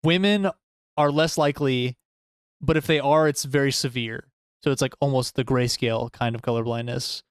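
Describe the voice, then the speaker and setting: A man co-hosting a podcast, chatting casually and often trailing off into quiet mumbles. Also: mid-range voice, fairly even intonation, normal speed, clean tone, dry recording, studio quality. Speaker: podcast co-host. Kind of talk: casual chat.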